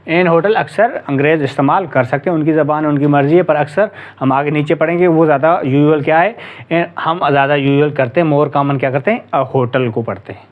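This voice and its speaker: High-voiced teacher quizzing himself aloud. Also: male voice, phone-quality sound. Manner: repetitive, asks and answers his own questions. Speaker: English teacher. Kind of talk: grammar lesson explaining English in Urdu-Hindi.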